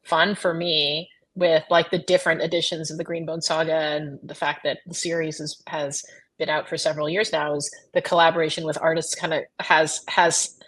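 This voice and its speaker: A woman's voice: sits low, level tone, moderate pace, fairly bright tone. A woman author chatting casually in an interview, enthusiastic and repeating words as she thinks. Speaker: author guest.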